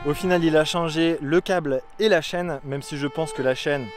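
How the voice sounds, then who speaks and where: Young man rambling to camera, slightly high. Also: normal speed, faint music behind. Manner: rambling, hesitant with many fillers. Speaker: cycling travel vlogger. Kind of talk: casual vlog chat to camera.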